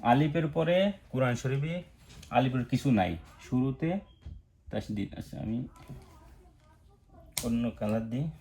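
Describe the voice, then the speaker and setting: A man with a Bangladeshi Bengali accent teaching Quran recitation step by step, spelling out letters and marks, then chanting each word slowly. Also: mid-range voice, vocal fry, darkish tone. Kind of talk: slow step-by-step recitation lesson.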